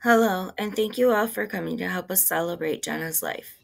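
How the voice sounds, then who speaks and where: Woman voicing a grieving young woman, gentle eulogy, low gravelly tone. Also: brisk. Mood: solemn.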